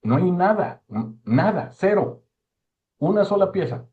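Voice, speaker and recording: Phone-like, halting man. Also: sits high, expressive. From Mexico. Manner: halting, repeats words for emphasis. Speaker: speaker giving a talk on postal history. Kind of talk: informal lecture discussion. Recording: thin phone-like online call audio.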